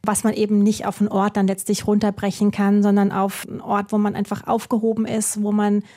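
A woman's voice: medium pitch, completely flat delivery, fairly quick, dark tone. A woman from Baden-Württemberg, an author answering interview questions thoughtfully, musing aloud with rhetorical questions.

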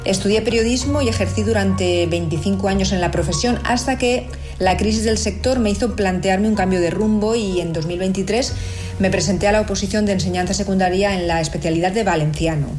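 A woman's voice: mid-range voice, fairly quick, music in the background. Composed Spanish woman in her fifties. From Spain. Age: 50s. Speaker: interviewee. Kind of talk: recorded testimony.

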